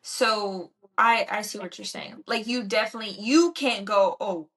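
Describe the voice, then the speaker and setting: A woman in her twenties co-hosts a casual podcast chat, sounding chatty and supportive and sprinkling her speech with "like" and "you know." Her voice is medium-pitched and a bit bright, at a normal speed.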